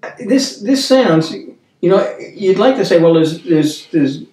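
A man in his seventies hosting a casual Bible discussion, earnest and storytelling, with halting restarts. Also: sits high, animated, darkish tone. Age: 70s. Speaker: Bible study host. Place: dining room table, indoors. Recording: roomy, distant mic.

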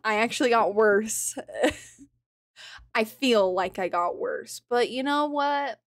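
Woman streamer chatting loosely with viewers; slightly high, giggly, very dry close-miked sound. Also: expressive, slow, no room sound. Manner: rambling and chatty, with lots of filler words; laughs often between phrases. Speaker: game streamer. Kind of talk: casual chat with stream viewers.

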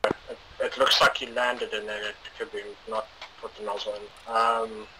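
A man's voice: fairly low pitch, little pitch movement, moderate pace, bright, forceful tone. A man acting as commander in a game, heard over a radio channel and talking casually with hesitant fillers. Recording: noisy radio line with clicks.

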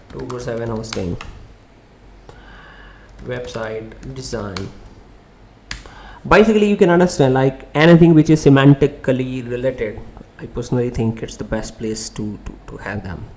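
This is a man's casual screen-share walkthrough of SEO software, full of fillers and false starts. He speaks at a medium pitch.

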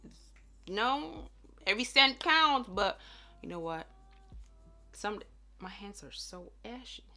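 Playful woman vlogger, bright voice, talks slow, cheeky and giggly. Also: medium pitch, expressive. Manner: cheeky, swears casually. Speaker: fashion vlogger. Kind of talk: casual vlog outro.

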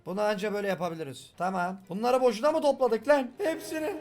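A man giving excitable, joking commentary on his gameplay, talking straight to his viewers. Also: sits high, fast, over music. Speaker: gaming YouTuber.

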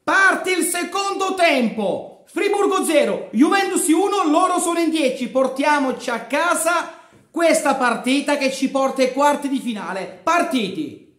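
A man in his thirties giving a live football reaction at home, shouting goals, chanting players' names and pumping his fists. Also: extremely high pitch. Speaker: football fan streamer. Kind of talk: live match reaction commentary. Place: living room with a grey sofa. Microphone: fixed camera at desk distance. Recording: echoey room.

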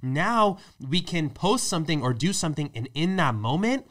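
A man's voice: a little high, sing-song, moderate pace, fairly bright tone. A man hosting a podcast in a casual chat, laid-back and slangy, laughing often. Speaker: podcast host.

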